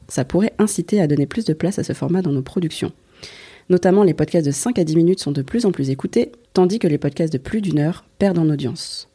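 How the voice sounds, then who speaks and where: Brief: woman columnist, low mellow voice, a little husky, scripted news read with dry asides.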